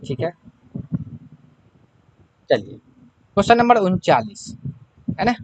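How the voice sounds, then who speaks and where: A male language teacher walking through exam-prep questions, repeating each question to the class and then answering it himself. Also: high-pitched. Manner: fills pauses with "है ना". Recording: dull lo-fi recording with clear background noise.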